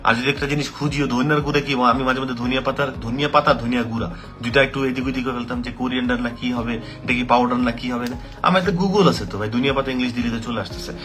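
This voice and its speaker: A man's voice: medium pitch, fairly even intonation, rapid-fire, over music. A man who teaches English, speaking casually to camera, full of rhetorical questions and mixing in English phrases. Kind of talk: casual opinion talk to camera.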